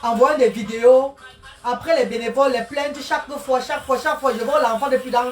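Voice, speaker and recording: A woman with a high voice chats on a casual live stream from her home kitchen, greeting viewers one by one and repeating her words. Soft music plays faintly behind her. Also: steady tone, brisk. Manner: greets viewers by name, repeats phrases, talks while cooking; speaks of God and blessings. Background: music playing.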